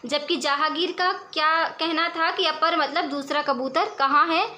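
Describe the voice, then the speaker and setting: A woman teaching a lesson on poetry, her voice high and bright. She reads each verse slowly, then explains it in a patient, steady way. Her manner is clear and instructive.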